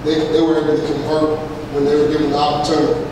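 A middle-aged man, a head football coach, answering press questions after a game in a measured, halting way with many fillers and restarts. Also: fairly high pitch, monotone. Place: press room with backdrop, large echoey space. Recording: echoey hall, far mic, noisy.

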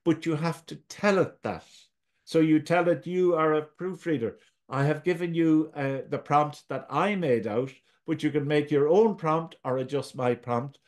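An Irish man walks viewers through an editing tutorial in a patient, chatty way, narrating every click as he goes. His voice sits a little high for a man, and he speaks over a video call. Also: moderate pace. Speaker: tutorial presenter. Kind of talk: screen-share tutorial.

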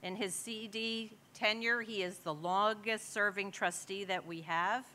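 Bright-voiced woman giving a formal tribute. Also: mid-range voice, steady tone, unhurried, a little hiss or hum. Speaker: co-chair presenting an award. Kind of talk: formal dinner speech.

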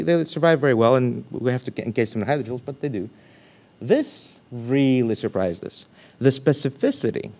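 Guy giving a science talk in a lecture room, thinks out loud, keeps restarting, voice jumps up when he gets excited. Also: mid-range voice. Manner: loose, thinking aloud with restarts, animated bursts of emphasis. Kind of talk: academic conference talk.

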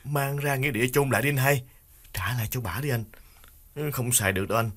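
A man puts on a panicked young thief in a storybook tale. He whimpers and begs in a shaky, hushed voice. Soft music plays behind him. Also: mid-range voice, fast, voice pushed up, natural voice. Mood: pleading. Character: frightened young man, a small-time thief begging.

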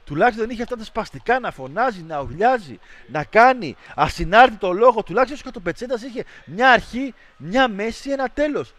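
A man hosting a livestream, chatting casually with viewers and ranting in a mocking, animated way. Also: sits high, dry recording. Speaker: livestream host. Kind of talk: casual stream chat with viewers.

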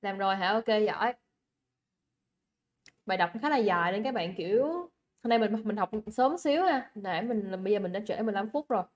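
Her mid-range voice is expressive and a little fast. A young Vietnamese-accented teacher, she leads a livestream English exam review in a chatty, coaxing manner, repeating words and making sure students keep up.

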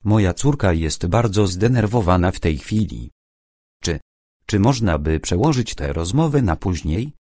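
A man voicing a polite, fussy elderly professor and worried father in an audiobook, speaking formally in a deep voice. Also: animated, measured pace, mellow, no room sound, studio quality. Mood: anxious. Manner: formal, erudite, slightly fussy. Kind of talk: audiobook character reading.

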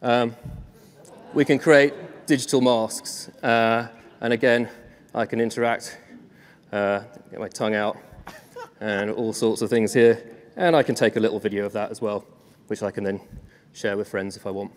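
A man's voice: fairly low pitch, moderate pace. Man demoing on a conference stage. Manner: relaxed, self-deprecating, frequent ums. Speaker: tech presenter. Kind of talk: live conference demo. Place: large conference hall. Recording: long reverb of a large hall.

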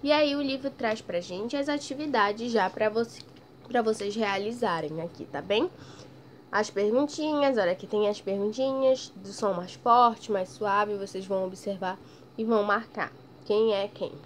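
A woman teaching a primary school class in a recorded lesson, speaking patiently, drawing out example words loudly and checking in often. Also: mid-range voice, normal speed, a little hiss or hum. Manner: ends phrases with "tá bem?" checks. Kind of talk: recorded remote lesson for children.

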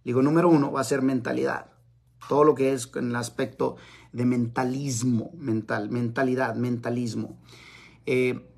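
A man's voice: mid-range voice, fairly even intonation, moderate pace, gravelly, darkish tone, husky. A man giving a live-streamed motivational talk, emphatic and repeating his key phrases. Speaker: motivational speaker. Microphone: camera mic on live stream.

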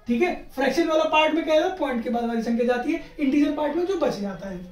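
A man's voice: very high voice, darkish tone. A young man teaching a lesson at home, quizzing the class and answering his own questions in a playful, casual way. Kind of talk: casual recorded tutorial. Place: room at home. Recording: echoey room, far from mic.

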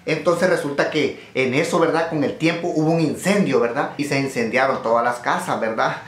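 A man telling jokes to camera in an animated way, often tagging lines with a quick "¿verdad?". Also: mid-range voice. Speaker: joke teller. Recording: roomy echo.

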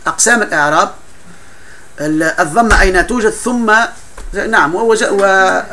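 Quick, bright-voiced male teacher. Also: high voice. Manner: explains patiently, often laughs, breaks off and restarts words. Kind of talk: classroom grammar lesson.

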